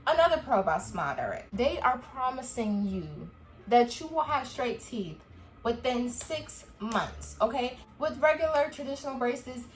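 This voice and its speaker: A young woman chatting to camera in a casual review vlog, animated and quick to laugh, acting out what people said to her. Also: fairly high pitch. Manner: chatty and animated, laughs often, acts out quoted dialogue. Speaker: vlogger.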